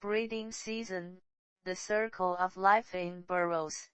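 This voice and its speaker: A woman's voice: lowish voice, steady tone, slow, a bit bright, no room sound, poor audio. A woman reading out short scripted section headings for a nature documentary. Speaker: chapter title announcer.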